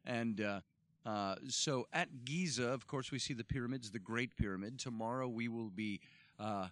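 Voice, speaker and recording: A man's voice: mid-range voice, normal speed, a bit bright, no room sound. A man hosting a casual travel podcast, telling stories in a playful, mock-formal way from a hotel room. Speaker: tour host.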